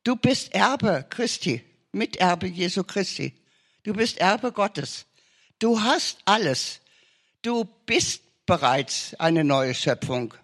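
Male preacher, high voice with animated pitch, urgent emphatic exhortation. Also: slow. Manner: urgent, emphatic exhortation with repeated short commands. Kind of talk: sermon testimony.

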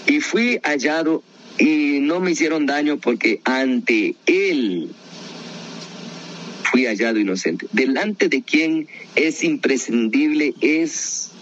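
A man's voice: a little high, slow, highs cut off, a little hiss or hum. Man teaching a conversational Bible study. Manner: animated, asks many rhetorical questions.

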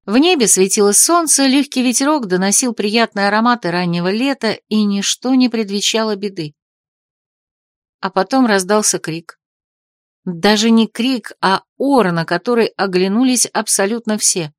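A woman's voice: medium pitch, moderate pace, no room sound, studio quality. Woman reading a fantasy audiobook. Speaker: audiobook narrator. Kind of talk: first-person scripted narration of a romantic fantasy novel.

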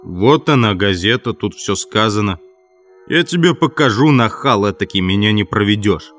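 A man reading an audiobook, voicing a gruff, quick-tempered old sailor with a low, scolding delivery. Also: expressive, fairly bright tone, faint music behind. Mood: indignant.

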